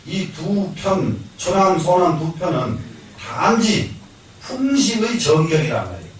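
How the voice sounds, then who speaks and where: An older Buddhist monk with a Jeolla Korean accent lectures on the classics in a high, slightly slow voice that rises and falls lively. He hammers points home by repeating lines and answering his own questions, with occasional chuckles, in a classroom-style talk. His voice travels across a big, heavily echoing hall to a distant mic, faint room noise behind it.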